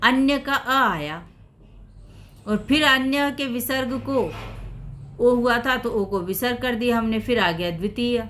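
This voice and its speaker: A woman's voice: on the high side, measured pace, a bit bright, slight background noise. A woman teaching a Sanskrit lesson in Hindi, explaining grammar patiently step by step and repeating each example.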